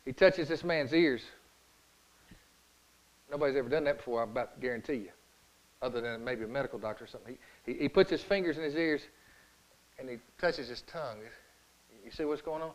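In a medium-pitched voice, a pastor preaches a folksy, conversational sermon at a fairly quick clip, pausing often. He frequently asks his congregation rhetorical questions, and his speech breaks up with repeated words and restarts. The recording is low quality.

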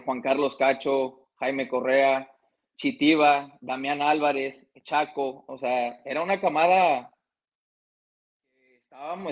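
A man's voice: medium pitch, muffled recording. A man in his thirties from Mexico, a former footballer telling his story in a casual interview, conversational, excusing his coughs and slips.

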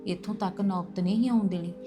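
A woman's voice: medium pitch, fairly even intonation, a little fast, over music, natural voice. An actress playing a middle-aged mother who complains and plots against her daughter-in-law. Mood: complaining. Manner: complaining, conspiratorial. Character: scheming middle-aged mother, worried and resentful. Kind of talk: web drama acting.

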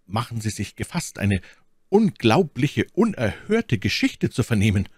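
A man's voice: medium pitch, sing-song, unhurried, a little mellow, breathy edge, no room sound, studio quality, pitched above the performer's own voice. A man voicing a hot-blooded young man who speaks with urgency and emphasis. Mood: urgent.

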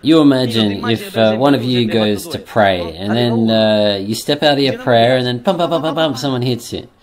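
Friar preaching to a crowd. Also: male voice, mid-range voice, moderate pace. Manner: storytelling with sound effects. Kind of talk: catechesis sermon.

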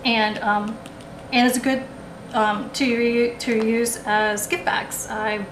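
A haul vlogger with a voice on the high side shows off her finds indoors at a table, filmed by a camera above it. She rambles in a relaxed way, filling pauses with ums and restarting sentences. The room is echoey, with a clear hum of background noise under her voice.

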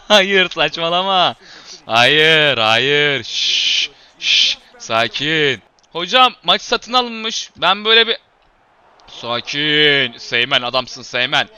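A man giving live commentary over his football career-mode game, shouting at his players and then muttering when things go wrong. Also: a little high, very animated, slow, smooth. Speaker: gamer and channel host.

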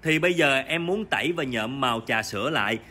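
A man's voice: medium pitch, animated, brisk. A young man, a salon owner narrating a chatty, instructive hair-care tutorial over the video. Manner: chatty, instructive, addresses viewers warmly as family.

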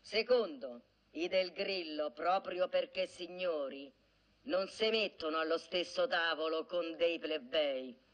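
A woman's voice: lowish voice, slow. An actress playing a stern, devout elderly noblewoman with a Roman accent, lecturing her son point by point. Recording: dull old film soundtrack.

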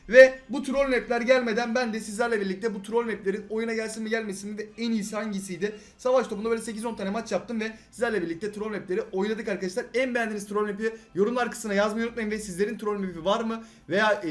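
A young man hosting a gaming channel, giving excited live commentary, shouting at teammates and repeating words rapidly. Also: high voice.

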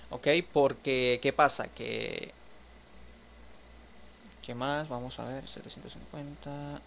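A man's voice: mid-range voice, steady tone, slow pace, vocal fry, a bit bright, a little hiss or hum. A man giving casual gameplay commentary, chatting to his viewers as he furnishes a house in a game. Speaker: gaming streamer.

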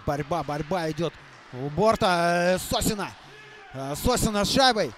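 A man doing live hockey play-by-play, halting and repeating phrases for emphasis. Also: high-pitched, expressive, fairly bright tone, slight background noise. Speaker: hockey commentator. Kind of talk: live play-by-play sports commentary.

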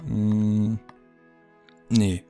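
A man's voice: fairly low pitch, flat delivery, very slow, warm tone, soft background music. A man giving casual gameplay commentary, thinking aloud and muttering his reactions as he plays. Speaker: let's play gamer.

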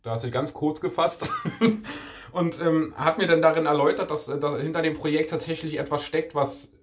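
A young man with a slightly high voice chats to the camera. He is informal and slangy. He often stammers back over a word before carrying on. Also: steady tone, normal speed. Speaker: video creator. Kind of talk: casual talk to camera. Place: small indoor room.

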